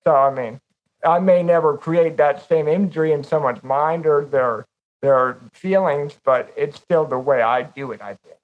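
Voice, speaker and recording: A podcast co-host with a fairly high voice talks at a normal speed in a casual conversation, reflecting and rambling about how he makes music. The sound is phone-quality.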